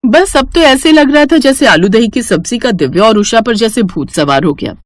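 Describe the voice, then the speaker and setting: Female narrator, lively storytelling, dry close mic. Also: fairly high pitch, moderate pace, dry recording. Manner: expressive, storytelling.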